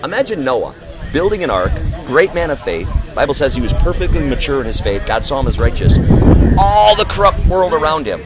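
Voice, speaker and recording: Over loud music, a man with a big, loud voice preaches on the street, emphatic and declamatory, firing off rhetorical questions in impassioned open-air discussion. His fairly high pitch swings widely and he speaks briskly. The recording is rough.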